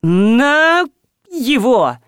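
A woman's voice: mid-range voice, big pitch swings, a little slow, no echo, clean studio sound. A woman voicing a furious, bossy wealthy father who barks orders at his household, in an audiobook. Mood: raging, commanding. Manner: shouting, barking orders. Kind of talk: audiobook character voice.

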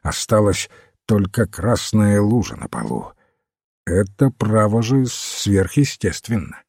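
A man voicing an anxious, sharp-tongued young man in a storybook reading, speaking curtly. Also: lowish voice, animated, takes it slowly, gravelly, husky, no room sound, studio quality, heavily acted. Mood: agitated. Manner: agitated, curt.

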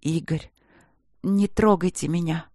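A narrator voicing a hoarse, commanding young queen. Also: mid-range voice, a little slow, darkish tone, dry recording, clean studio sound, natural voice. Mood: strained. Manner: hoarse, strained, snapping orders.

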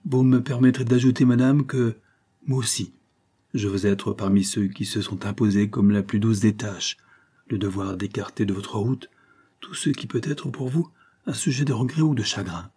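Reader as courtly young hero, fervent and earnest, low, dark and husky. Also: male voice, normal speed. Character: noble young man, ardent and courteous. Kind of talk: audiobook character voice.

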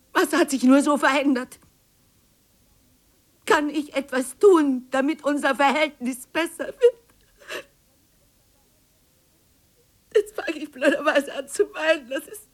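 An actress playing a neglected wife confronting her husband in a radio play, moving between hushed whispers and tearful pleading. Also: on the high side.

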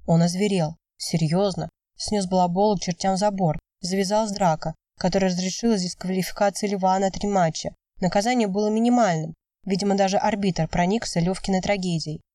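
A woman narrates an audiobook in a steady, even voice with a dark, mellow tone. The recording is dry, with the mic set slightly back. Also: medium pitch, dry recording, far from the mic.

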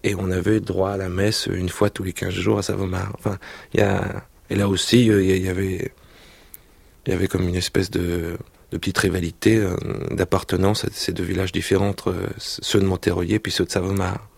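Gravelly-voiced man, hesitant and thoughtful. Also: deep voice, little pitch movement, fairly quick, no echo. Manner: hesitant, thoughtful, many restarts. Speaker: actor, guest. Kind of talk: reminiscing interview and reading aloud.

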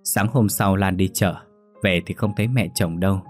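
A male storyteller with a lowish voice reads a folk tale aloud in a lively way. Faint piano music plays quietly beneath his narration. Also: moderate pace. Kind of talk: scripted narration.

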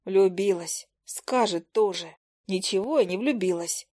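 A woman's voice: mid-range voice, measured pace, a little mellow, lightly acted. A woman as a flustered young witch. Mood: musing.

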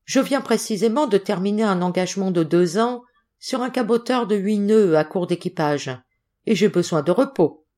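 A woman's voice: mid-range voice, lively intonation, moderate pace, darkish tone, natural voice. A woman reading the part of a shifty, grinning older male sailor who talks with insolent familiarity.

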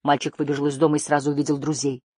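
A woman narrating a children's adventure novel chapter in a measured, expressive reading. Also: sits low, breathy edge, no room sound, studio quality. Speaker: audiobook narrator. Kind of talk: scripted narration.

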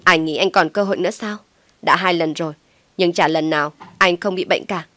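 A hot-tempered young mistress, sharp-tongued and scornful, whose scolding turns shrill, as a woman reader puts her on. The recording is dry and close. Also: brisk, no room sound. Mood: furious.

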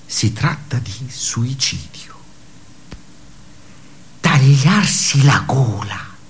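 A medium-pitched male actor gives a sing-song, darkly sardonic performance as a brooding office worker in a radio theatre monologue. He talks haltingly and conversationally, punctuated by emphatic bursts, with a little hiss or hum in the audio.

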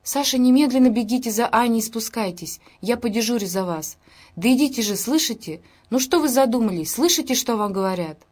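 Brief: woman reading a commanding, protective man in a storybook, urgent, slightly raised pitch. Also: animated, fairly quick, a little mellow.

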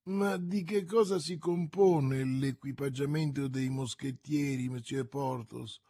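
A man's voice: mid-range voice, fairly even intonation, takes it slowly, dark tone. A man voicing an anxious, thrifty middle-aged wife in an audiobook reading, hesitant and speaking with a faint voice.

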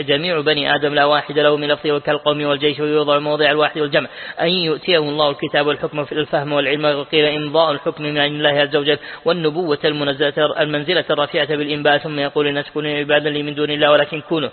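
Rapid flat-voiced man reading a religious text. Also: fairly high pitch. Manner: rapid, flat recitation with self-corrections. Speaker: sheikh reading and commenting on Quran exegesis. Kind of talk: fast classical Arabic text reading. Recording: tinny lo-fi audio in a reverberant hall.

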